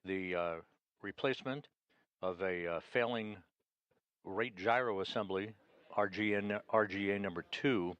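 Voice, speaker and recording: Low, dry male mission commentator. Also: fairly bright tone, dry recording, lo-fi sound. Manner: measured, halting explanatory delivery. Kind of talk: live spacewalk commentary.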